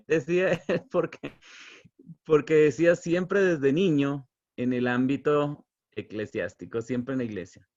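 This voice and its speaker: A man preaching a sermon as pastor, telling stories with light humor, slowing for emphasis and then rushing through asides. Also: medium pitch, dull audio. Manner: storytelling with humor, chuckles between points; swings between emphatic stretched phrases and quick asides.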